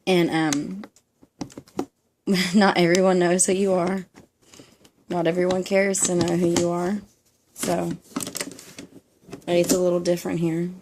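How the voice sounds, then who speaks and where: A woman's voice: fairly low pitch, level tone, slow, pauses often, background noise. A young woman with a Southern American accent chatting casually to camera at home, rambling with many ums and laughing often. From Southern United States. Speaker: vlogger. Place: home room, dog nearby.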